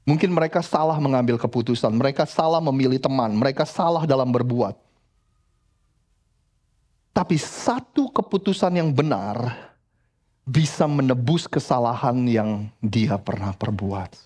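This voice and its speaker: Man preaching an animated sermon. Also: mid-range voice, moderate pace, long pauses. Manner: animated preaching, frequently addressing the congregation as "saudara". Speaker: pastor. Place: church.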